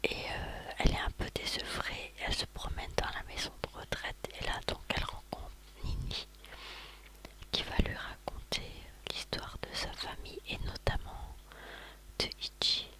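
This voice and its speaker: Someone speaking in a soft ASMR library whisper, recounting things as a host in a halting way with pauses. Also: low-quality recording. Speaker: ASMR video host recounting favourite books and films.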